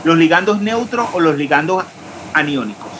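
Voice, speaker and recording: A man's voice: on the high side, animated, normal speed, fairly bright tone, slight background noise, rough recording. A man teaching a chemistry class, asking his students questions and spelling out formulas step by step. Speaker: chemistry lecturer. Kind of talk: online class lecture.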